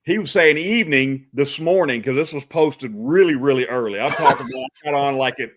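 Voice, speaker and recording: A man from Texas with a medium-pitched voice talks a little fast while hosting a laid-back livestream talk show. Friendly throughout, he welcomes viewers by name, calls them brother, and laughs softly a lot.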